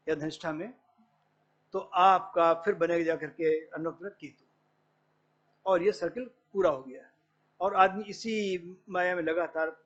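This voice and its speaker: A middle-aged male professor giving an academic lecture, explaining patiently and quoting Sanskrit verses. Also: sits high. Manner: explains patiently, quotes Sanskrit verses, mixes in English words. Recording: dull lo-fi lecture recording.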